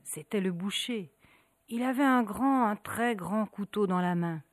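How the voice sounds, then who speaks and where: A woman telling a folk tale aloud. She builds rhythm through repetition and dramatic pauses. Her mid-range voice is recorded close and dry. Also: medium pitch, no echo. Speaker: storyteller. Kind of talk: storytelling narration.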